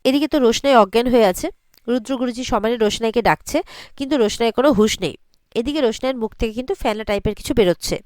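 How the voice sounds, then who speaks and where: A woman talks through the latest episode of a serial at a brisk clip, slipping lightly into each character's lines as she goes. Her voice sits slightly high, and the recording is close and dry with no room sound. It comes across as a steady storytelling recap. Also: no room sound. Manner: quick storytelling, voicing lines in quotes lightly.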